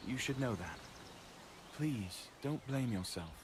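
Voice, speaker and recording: A man voicing a grave, rock-bodied male guardian in a game, his voice sounding metallic and robotic as he gives earnest, measured advice. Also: medium pitch, lively intonation, a little hiss or hum. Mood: solemn concern. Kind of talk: game character dialogue.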